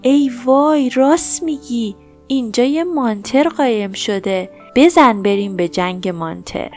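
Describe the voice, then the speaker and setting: A woman voicing a kind, cheerful female dentist in a children's bedtime story, talking gently and reassuringly. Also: a little high, lively intonation, soft background music, close to an everyday voice. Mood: eager.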